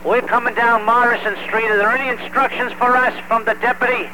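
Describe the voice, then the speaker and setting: A man's voice: very high voice, little pitch movement, brisk, loud music behind the voice, rough recording. A man on a fire engine crew making urgent calls over a two-way radio. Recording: thin emergency radio transmission.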